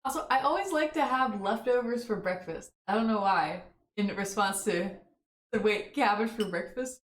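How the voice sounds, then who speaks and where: A woman's voice: medium pitch, moderate pace. A woman in the room with a streamer, chatting casually and teasing him from away from the microphone. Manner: teasing, joking. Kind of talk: casual chat. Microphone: distant from the stream mic. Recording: off-mic in an echoey room.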